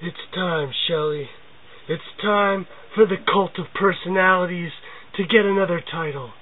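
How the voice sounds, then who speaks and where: A man voicing a calm, scheming male faction leader in a low, measured voice. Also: recorded from a distance. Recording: tinny lo-fi audio with music.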